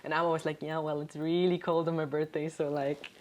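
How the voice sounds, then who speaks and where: A young woman in her twenties co-hosts a casual podcast, and her voice sits low. She tells stories in a loose, rambling way. She often backtracks and pads her talk with fillers. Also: flat delivery, a little fast, darkish tone. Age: 20s. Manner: rambling storyteller, many fillers and restarts. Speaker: podcast co-host. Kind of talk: casual chat.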